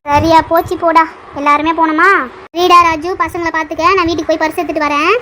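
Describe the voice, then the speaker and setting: ஒரு பெண் கார்ட்டூனில் குழந்தைகளைச் சமாதானப்படுத்தும் அக்கறையான ஆண்டிக்குக் குரல் கொடுக்கிறார். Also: female voice, extremely high pitch, level tone, quick pace, bright, forceful tone, a little hiss or hum. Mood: coaxing. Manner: coaxing, fussing. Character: kind motherly neighbour aunt, coaxing children. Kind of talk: cartoon voice acting.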